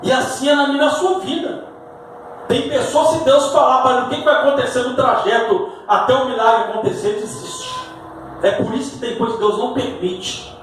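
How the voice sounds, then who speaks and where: Man, Brazilian Portuguese accent, very high voice, impassioned sermon, booming church echo, distant mic. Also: fairly even intonation, a little fast. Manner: impassioned preaching, rising to shouts. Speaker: pastor. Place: church sanctuary. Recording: echoey church from far off with faint ambient noise.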